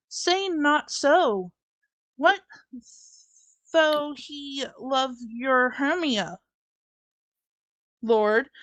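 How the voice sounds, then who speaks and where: A woman reading a high-voiced scorned young lady. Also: a bit bright, no room sound, full character voice. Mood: hurt. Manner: halting, restarting lines. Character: lovelorn young noblewoman, scorned and pleading. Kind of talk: amateur live-stream Shakespeare reading.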